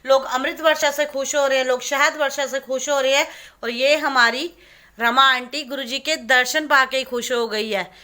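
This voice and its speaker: A woman talks in a devotional vlog, filming on a handheld phone inside a home. Her voice sits high and bright. She speaks warmly and coaxingly, often turning to her viewers. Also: steady tone, normal speed. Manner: warm, coaxing, addresses viewers as sangat ji. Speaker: vlogger. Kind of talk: devotional vlog, chatty storytelling. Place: indoors in a home. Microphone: handheld phone camera.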